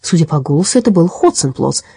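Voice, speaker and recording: Husky expressive woman reading a storybook. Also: sits low, fast, no echo. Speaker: audiobook reader. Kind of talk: scripted narration of a children's story.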